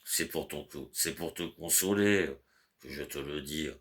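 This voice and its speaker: A man's voice: extremely low pitch, measured pace, fairly bright tone. A man voicing a frantic, fussy middle-aged clerk who scolds and then coaxes his servant. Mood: coaxing. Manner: agitated, scolding then coaxing.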